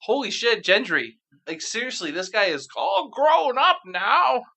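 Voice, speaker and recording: Bright, animated podcast co-host man. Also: very high voice, unhurried, gravelly. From Canada. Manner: animated, swearing, jokey. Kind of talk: casual chat.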